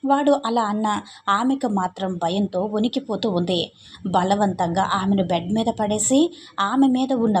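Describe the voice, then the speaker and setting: Woman storyteller, mid pitch, restarts lines mid-sentence, faint background noise. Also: a little mellow. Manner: frequent self-corrections mid-sentence. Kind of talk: dramatic story narration.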